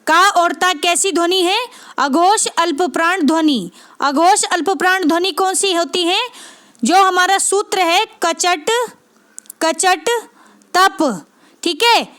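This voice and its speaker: A woman's voice: very high voice, takes it slowly, fairly bright tone. A woman teaching a lesson for exam prep, asking and answering her own questions and checking in with her class again and again. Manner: repeats points with constant check-ins to the class.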